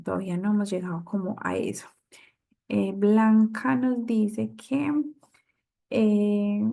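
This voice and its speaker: Leading an online class over a video call, a woman course instructor reads out students' comments and responds to them. Her voice is medium-pitched, gravelly and mellow.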